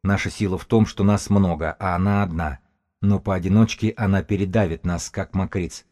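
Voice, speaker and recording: A man playing a wiry, sharp-tongued runner. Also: sits low, fairly even intonation, moderate pace, close to an everyday voice. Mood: persuasive. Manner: persuasive, insistent, cutting. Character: small, wiry, angry male runner, sharp-minded.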